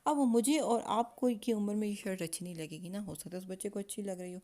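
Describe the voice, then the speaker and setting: Woman giving relaxed parenting advice. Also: mid-range voice. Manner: conversational, with frequent hesitations and rhetorical questions; acts out parent-child exchanges as examples. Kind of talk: informal talk on child psychology.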